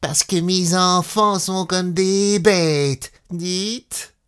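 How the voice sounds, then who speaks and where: A man voicing a coarse, bitter peasant woman of about forty who whines in falsetto and then shouts. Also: slow pace, clear, resonant tone. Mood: furious. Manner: whining falsetto turning to shouting. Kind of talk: dramatic reading.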